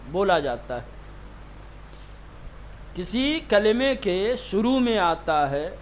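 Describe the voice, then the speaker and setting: A religious teacher gives a classroom lesson on Quranic reading, repeating terms and posing questions he then answers himself. His voice is high-pitched and a bit bright, with slight background noise.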